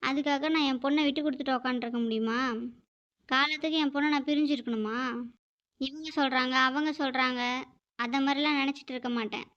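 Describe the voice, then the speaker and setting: A woman's voice: high-pitched, fairly even intonation, fast talker, a bit bright. Woman voicing a stern, proud old grandmother. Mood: indignant. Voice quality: firm, scolding. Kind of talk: animated cartoon dialogue. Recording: dull lo-fi audio.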